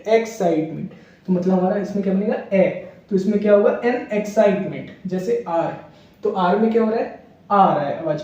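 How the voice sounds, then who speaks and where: A male teacher walks through grammar examples, asking questions and answering them himself. His voice sits high with a mellow, dark tone. The sound is dull and distant, with heavy echo from the room. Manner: repetitive question-and-answer explaining. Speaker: English teacher. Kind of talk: classroom grammar lesson.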